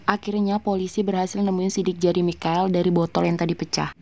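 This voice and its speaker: A woman's voice: fairly low pitch, completely flat delivery, a little fast, dark tone. A woman narrating a film recap in a casual, chatty way, slipping in slangy joking asides.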